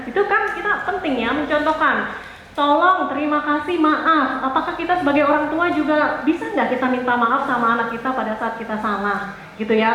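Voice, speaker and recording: A woman's voice: sits high, a bit bright, highs cut off, a little hiss or hum. A woman psychologist giving a parenting seminar in a conversational way, often asking the audience questions. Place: church hall. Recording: echoey hall.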